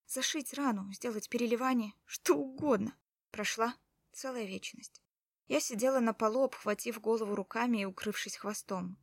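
A woman's voice: mid-range voice, dry recording, studio quality. A woman reading a first-person story aloud in an emotional, urgent way. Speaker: narrator. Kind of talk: first-person audiobook narration.

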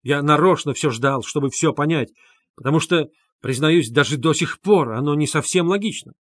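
A high, loud, excitable young man, put on by a male reader insists on what he saw and repeats himself in a heated rush. His voice climbs well above an ordinary tone and sits close and dry in a storybook reading. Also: normal speed, slightly rough, no echo. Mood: indignant. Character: excitable indignant young man, earnest witness.

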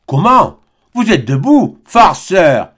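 A man's voice: very high-pitched, very animated, normal speed, a bit bright, voice pushed up, heavily acted. A man voicing a jovial, teasing elderly country doctor. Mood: surprised. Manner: hearty, teasing.

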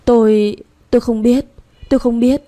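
A woman's voice: mid-range voice, animated, moderate pace, dark tone, natural voice. A woman reading aloud voices a frightened, scheming young wife who whimpers and pleads in panic. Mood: terrified.

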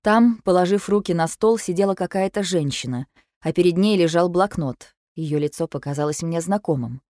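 A woman reading a first-person audiobook in a soft, subdued way. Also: on the low side, normal speed, no room sound, studio quality. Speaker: audiobook reader.

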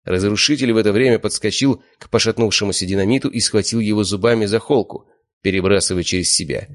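Male audiobook narrator, very low voice, steady first-person telling. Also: fast talker.

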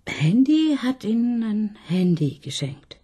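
A mellow, mid-range female voice with a sing-song lilt speaks at a slow pace. She's an actress playing an ironic police inspector in a radio play, coaxing, teasing, and mocking, and she often falls to a whisper.

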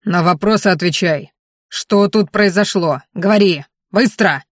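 A woman reading the part of a rough henchman who barks harsh orders. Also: medium pitch, measured pace, no room sound, clean studio sound, lightly acted. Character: rough brutal henchman, adult man.

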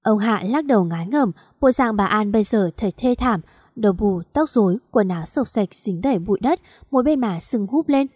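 Một người phụ nữ đọc truyện audio, giọng kể đều và giàu kịch tính. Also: female voice, medium pitch, moderate pace, husky, no echo, clean studio sound. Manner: steady, dramatic storytelling. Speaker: audiobook narrator. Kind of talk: scripted story narration.

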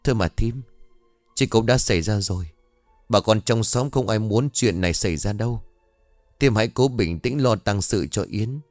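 A man voicing a kindly older village woman who gently consoles a grieving mother. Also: lowish voice, normal speed, dry recording, soft background music, lightly acted. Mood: consoling.

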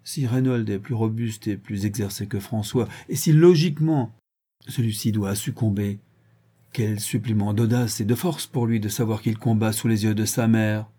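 A man voicing a cruel, unhinged male villain in an audiobook reading, ranting and gloating, swinging between loud shouts and low hisses. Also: moderate pace, slightly rough.

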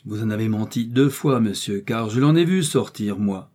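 A man reading an audiobook, voicing a young male Gascon swordsman, proud and quick to take offense. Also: fairly low pitch, animated, mellow. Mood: defiant. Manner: touchy, proud, defiant.

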